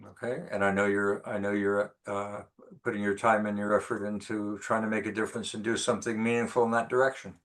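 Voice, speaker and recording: A man's voice: on the low side, little pitch movement, brisk, fairly bright tone. A man hosting and moderating a group discussion, speaking hesitantly with many fillers. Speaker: host and moderator.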